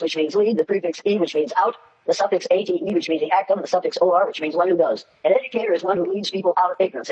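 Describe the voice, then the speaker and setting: A woman's voice: fairly low pitch, darkish tone, highs cut off. An older American woman delivers a lecture to an audience in a blunt, emphatic way. She gives orders like a seasoned educator and expects to be followed. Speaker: educator and public speaker.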